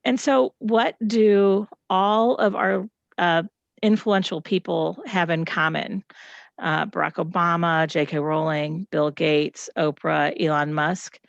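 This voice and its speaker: Her voice lowish and gravelly, a middle-aged teacher encourages children and families during a family-night reading lesson, posing questions to the audience. The audio is dull, with no room sound.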